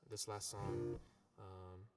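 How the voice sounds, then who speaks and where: A man's voice: fairly low pitch, drawn-out words, loud music behind the voice. A man, a singer-songwriter, chatting casually between songs on a live stream, his voice drenched in an echo effect that sounds like a big cave, rambling with lots of ums. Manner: rambling, relaxed, filled with ums and likes.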